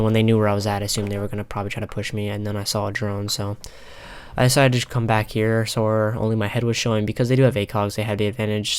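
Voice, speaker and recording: Speaking into a console headset mic, a young man with a lowish, clean-toned voice comments casually on a replay of his own ranked game. He stays calm and analytical, though he pauses a lot and fills the gaps with ums.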